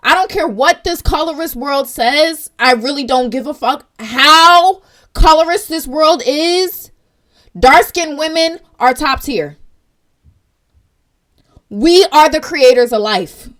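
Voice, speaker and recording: A woman's voice: high voice, takes it slowly, fairly bright tone. A young woman vlogging, giving emotional, emphatic commentary to her viewers. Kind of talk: casual commentary vlog.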